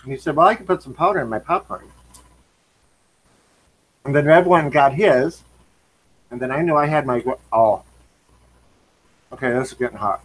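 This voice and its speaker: A man's voice: medium pitch, normal speed, long pauses, fairly bright tone, breathy edge, rough recording. A man hosting a casual live stream, chatting while he eats and tastes snacks. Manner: chatty, talks while eating and tasting. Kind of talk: casual chat.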